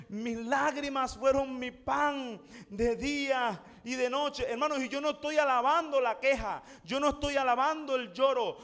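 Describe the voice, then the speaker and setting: A man with a very high voice preaches with passion in a church, drawing out each scripture quote slowly. His words ring through a hall with a long echo. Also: a bit bright. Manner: impassioned, slows down for scripture quotes. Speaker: pastor. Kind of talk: sermon. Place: church sanctuary.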